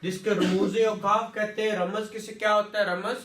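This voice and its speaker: A man's voice: high-pitched, flat delivery, normal speed, fairly bright tone. A man teaching a classroom lecture, repeating words and quizzing students with questions. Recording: echoey room, distant mic.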